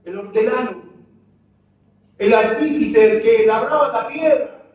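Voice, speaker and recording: A man's voice: very high voice, measured pace, a little mellow, muffled recording. A man preaching a sermon, impassioned and full of rhetorical questions to the congregation, recorded in a church. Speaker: pastor. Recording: very echoey church hall, mic far off.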